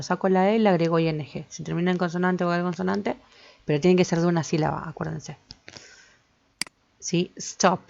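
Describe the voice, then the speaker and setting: Casting: low-voiced woman teacher, patient, checks in often; gravelly edge. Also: a little mellow. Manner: patient, repeats points and checks with "¿sí?". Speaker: English teacher. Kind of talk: explaining grammar to students. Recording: slightly dull lo-fi recording.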